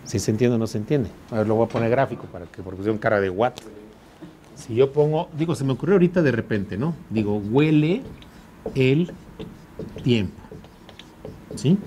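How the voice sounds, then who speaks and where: A mid-range, mellow voice belongs to a Mexican-accented law school teacher giving a quick-paced classroom lecture. He explains patiently and checks in with frequent questions about whether the class follows. There's slight background noise.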